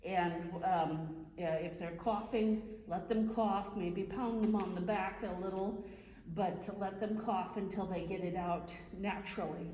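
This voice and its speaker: A woman instructor giving an informal hands-on first aid demonstration, explaining step by step and halting as she thinks. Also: mid-range voice, steady tone, warm tone. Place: large reverberant room. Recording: echoey hall, faint background noise.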